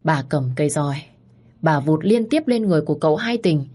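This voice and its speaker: A woman narrating a first-person story in a steady, dramatic way. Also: deep voice, fairly quick.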